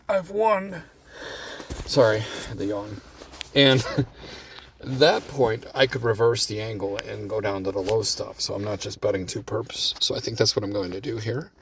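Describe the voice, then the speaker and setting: This gambling strategy vlogger, a man with a lowish voice, sits in his parked car chatting casually about his play. He's laid-back, swears a lot, and keeps calling his viewers bro. The mic is far away and picks up a little hiss or hum.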